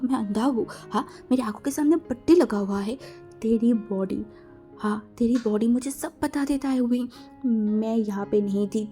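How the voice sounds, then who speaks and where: A woman voicing a calm, possessive older husband who speaks softly and slowly, in a read-aloud fan story. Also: fairly high pitch, lightly acted. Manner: soft, hushed and slow in long speeches. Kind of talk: storytelling with acted dialogue.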